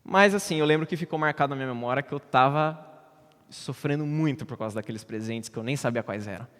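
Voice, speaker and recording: A young man with a Brazilian Portuguese accent preaching in church, telling a personal story with animated swings in loudness. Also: medium pitch, fast. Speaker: presbyter preaching. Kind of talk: sermon illustration, personal story. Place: church sanctuary. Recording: church hall reverb.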